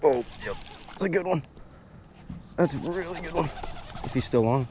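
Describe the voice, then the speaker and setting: A young man talking casually as he fishes from a small boat on a lake, getting excitable when a fish bites. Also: a little high, normal speed. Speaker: angler filming his fishing trip. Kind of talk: casual fishing vlog chat. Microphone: head-mounted action camera. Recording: noisy outdoor action-camera audio. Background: steady outdoor noise of wind and water.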